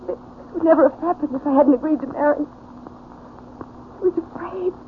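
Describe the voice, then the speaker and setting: High-pitched frightened radio heroine played by a woman. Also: moderate pace, lightly acted. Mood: distraught, afraid. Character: frightened, distraught young woman. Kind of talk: 1940s radio acting. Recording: tinny old radio with faint noise.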